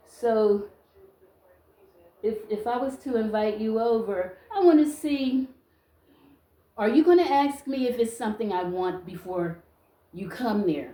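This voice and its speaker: A woman in her sixties talking casually to camera in a blunt, loud, outspoken way, swearing freely. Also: medium pitch, reverberant. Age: 60s. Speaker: vlogger.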